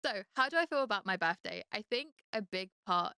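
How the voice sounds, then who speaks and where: Candid woman in late twenties, smooth voice. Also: medium pitch, animated, brisk, pushed and bright, dry recording, studio quality. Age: late 20s. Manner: candid, reflective, chatty with many "like" fillers. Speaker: podcast host. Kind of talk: solo podcast chat.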